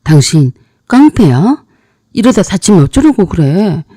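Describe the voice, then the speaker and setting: A woman's voice: lowish voice, big pitch swings, warm tone, breathy edge, dry recording, clean studio sound, full character voice. A woman voicing a timid, pleading husband in a story narration. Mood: alarmed. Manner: slow, pleading.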